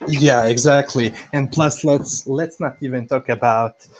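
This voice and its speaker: A man co-hosting a casual boxing podcast, talking haltingly with many fillers and restarts. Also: medium pitch, a little mellow. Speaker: podcast co-host. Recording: dull lo-fi sound.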